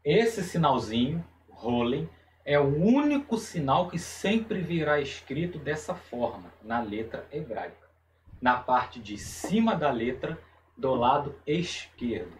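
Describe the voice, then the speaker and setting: A man giving a Hebrew lesson on video, slowly and carefully, repeating each term as he explains it. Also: fairly high pitch, very animated, recorded from a distance, slight background noise, rough recording. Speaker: Hebrew teacher.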